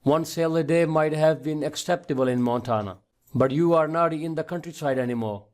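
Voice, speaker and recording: Man playing angry boss, stern scolding, storybook dialogue, slightly high male voice. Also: brisk, darkish tone, close to an everyday voice.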